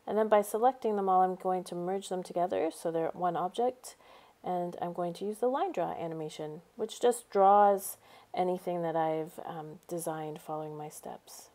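A woman's voice: fairly low pitch, moderate pace, dark tone. Upbeat woman narrating a screencast tutorial. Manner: upbeat, step-by-step explaining. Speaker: teacher. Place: voice-over over a screen recording.

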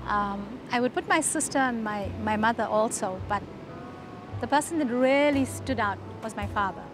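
A woman's voice: fairly high pitch, normal speed. An older woman, reminiscing in a documentary conversation outdoors. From South Africa. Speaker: documentary interviewee. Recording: music behind the voice.

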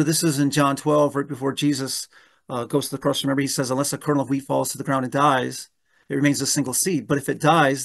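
A gravelly, medium-pitched man in his fifties, a pastor, leads a Bible study from a room at home over a video call, picked up by his webcam. He often restarts his sentences and keeps asking "right?".

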